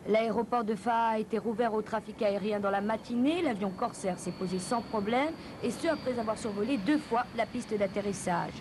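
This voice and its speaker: A woman's voice: medium pitch, brisk, hardly any pauses, noisy background. A woman reading a scripted television news report as a reporter.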